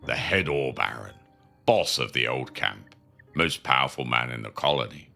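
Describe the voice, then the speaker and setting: A man playing a seasoned, cynical prison inmate in an audio drama, gravelly and matter-of-fact as he advises a newcomer. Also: a bass voice, expressive, normal speed, sharp tone, heavily acted. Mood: matter-of-fact, advising. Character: gruff, seasoned male convict guiding a newcomer, worldly and cynical. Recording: music under the voice.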